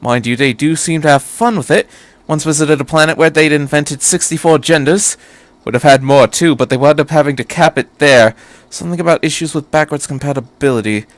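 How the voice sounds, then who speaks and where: A man's voice: fairly high pitch, a little fast, no room sound, lightly acted. A man voicing an eccentric, playful time-traveling doctor who chatters airily and wanders into digressions, in a story reading. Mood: airy, musing. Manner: airy, digressive, quizzical chatter.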